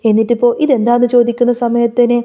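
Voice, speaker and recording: Earnest worried young guy, read by a woman narrator, higher voice, muffled audio. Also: little pitch movement, fast talker, warm tone, natural voice. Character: young man, worried and protective.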